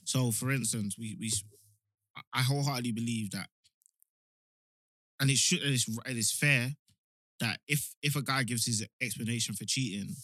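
A young man with a London roadman accent chats casually and slangily, giving animated opinions like a podcast co-host. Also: medium pitch, moderate pace, long pauses, dry recording, rough recording. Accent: London roadman, multicultural London slang. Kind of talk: casual chat.

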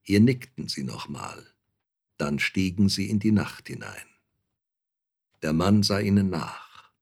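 Slow gravelly male storyteller. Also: low-pitched, big pitch swings. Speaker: narrator. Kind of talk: storytelling reading.

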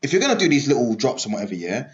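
A young man banters in a London roadman accent with lively, swinging intonation. His talk is emphatic, sweary slang, recorded in an echoey room. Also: medium pitch, very fast. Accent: London roadman (multicultural London English). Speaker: football talk show host. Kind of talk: casual banter. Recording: echoey room, slightly narrow-band sound.

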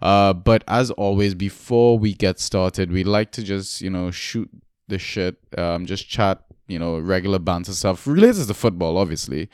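A man co-hosting a casual sports podcast, chatty and relaxed, laughing often as he talks. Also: sits low, normal speed, clean tone, no echo, studio quality. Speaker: podcast co-host.

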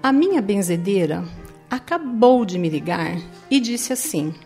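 A woman's voice: medium pitch, lively intonation, unhurried, mellow, soft background music. A woman with a Brazilian Portuguese accent giving an earnest personal faith testimony, often tagging her sentences with a questioning "né?". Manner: earnest storytelling, tags lines with "né?".

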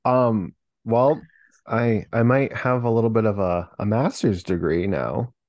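A man co-hosting a podcast, playful and sassy, quick to laugh. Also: lowish voice, darkish tone. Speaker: podcast co-host. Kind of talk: casual chat.

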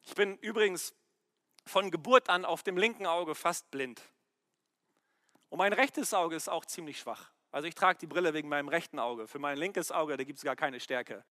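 A middle-aged man preaching a sermon, swinging from quiet, measured talk to loud, emphatic outbursts. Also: fairly high pitch, no echo, clean studio sound, long reverb tail.

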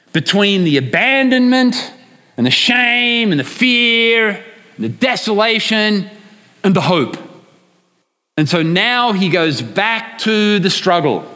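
A man's voice: high-pitched, pushed and bright, long reverb tail. A man preaching a sermon, emphatic and often asking his listeners rhetorical questions.

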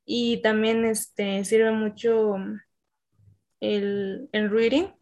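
Chatty woman teacher, slightly high. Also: little pitch movement, drawn-out words, darkish tone, lo-fi sound. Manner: explains at length with many fillers. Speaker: English teacher. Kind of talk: casual conversational interview.

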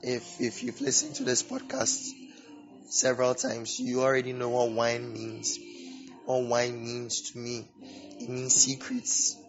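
A man hosting an informal religious teaching podcast with a sore, swollen-throat voice, speaking haltingly and repeating words. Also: mid-range voice, animated. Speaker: podcast host. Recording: dull lo-fi audio, music behind. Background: background music.

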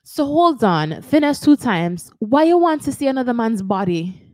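A woman's voice: a little high, big pitch swings, moderate pace, darkish tone, no room sound. A woman with a Jamaican accent hosting a casual commentary show, chatty and careful, often correcting herself. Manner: chatty, hedging, self-correcting. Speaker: host.

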